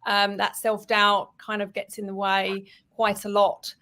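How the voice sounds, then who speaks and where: A woman's voice: medium pitch, monotone, a little slow, sharp tone. A woman, an author chatting as a podcast guest, who laughs often and repeats words as she talks. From southern England. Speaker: author and writing coach, guest. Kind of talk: casual interview chat.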